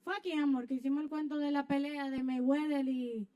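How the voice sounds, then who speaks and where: A woman preaching a sermon, telling a personal story with lively acted-out scenes and sudden shouts. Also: high-pitched, fairly quick. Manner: animated storyteller, acts out scenes, bursts into shouts. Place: church.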